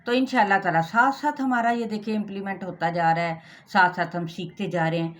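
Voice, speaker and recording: A woman with a Pakistani Urdu accent teaching Quran recitation rules, patiently explaining step by step and drilling each sound slowly. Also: mid-range voice, fairly even intonation. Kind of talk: tajweed lesson with recitation.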